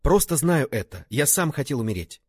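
A man's voice: mid-range voice, very animated, fairly quick, husky, dry recording, voice pushed up. A man voicing an earnest, caring young man who protects his brother in a spoken story, lifting his voice and pressing his words hard.

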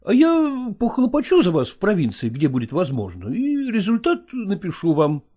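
A man's voice: high voice, huge pitch swings, moderate pace, warm tone, heavily acted. A man voicing a weary middle-aged touring actor in an audiobook drama, coaxing and patronizing. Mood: persuading.

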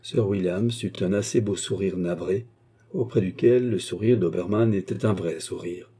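A man's voice: low-pitched, normal speed, warm tone, slightly rough. Man reading a classic novel aloud. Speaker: audiobook narrator.

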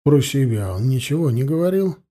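A calm, ironic police investigator in an audiobook, voiced by a male reader, coaxing a suspect with lively, rising and falling intonation. his voice is mellow and a touch husky, with a gravelly edge. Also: medium pitch, a little fast.

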